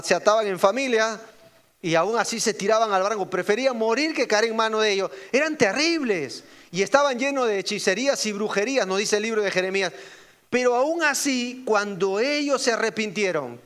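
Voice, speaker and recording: A man preaching a sermon as pastor, asking the congregation rhetorical questions and acting out the voices he quotes. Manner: acts out quoted voices with sharp pitch jumps.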